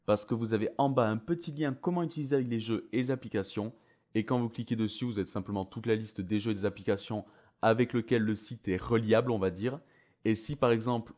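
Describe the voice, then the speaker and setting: A man's voice: on the low side, a little mellow. Dull-sounding Frenchman in a casual tutorial. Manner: informal, slangy, enthusiastic. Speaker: video creator presenting a voice-changer tool.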